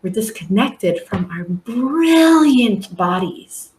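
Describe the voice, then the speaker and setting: A woman's voice: mid-range voice, sing-song, takes it slowly, a little mellow, roomy sound. A woman speaking as a life coach guest on a podcast, earnest and reflective. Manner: earnest, reflective, acts out clients' voices. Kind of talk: podcast interview talk.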